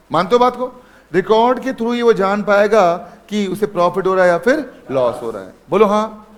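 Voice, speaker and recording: High-voiced man teaching accounting to a class. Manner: calls students son, asks and repeats answers. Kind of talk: classroom lecture.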